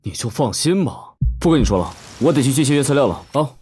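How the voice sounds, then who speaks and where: An actor playing a calm, self-assured young village doctor hero. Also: male voice, medium pitch, fast, faint music behind, close to an everyday voice.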